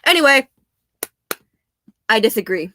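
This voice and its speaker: Slightly hoarse young woman chatting. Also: on the high side, very animated, unhurried, sharp tone, no echo. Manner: chatty, laughs often, self-deprecating asides. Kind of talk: casual rambling chat.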